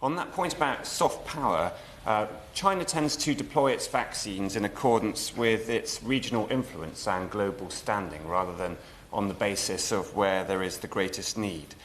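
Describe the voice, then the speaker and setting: A man's voice: lowish voice, moderate pace, hardly any pauses, a bit bright. A man making an intervention as a member of parliament, formal and courteous in his phrasing. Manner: formal, courteous, hesitant opening. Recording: clear background noise, room ambience.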